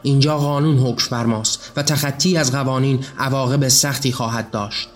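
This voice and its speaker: A harsh male warden speaks in a commanding, curt tone, voiced by a man narrating an audiobook. His pitch sits in a middling range. Faint music plays under the reading. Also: steady tone, lightly acted. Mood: threatening. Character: stern, strict male warden laying down the rules.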